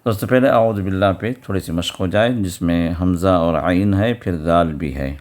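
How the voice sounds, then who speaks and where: Low, smooth-voiced man teaching recitation. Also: a little mellow. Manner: explains rules, then recites words slowly and repeats them. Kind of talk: tajweed lesson with slow recitation.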